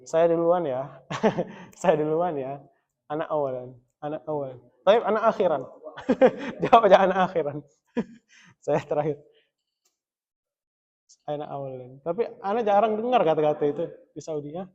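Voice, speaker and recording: A man teaching an Arabic lesson in a mosque in a relaxed, joking classroom manner, chuckling often. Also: on the high side, normal speed, pauses often, highs cut off. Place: mosque study room.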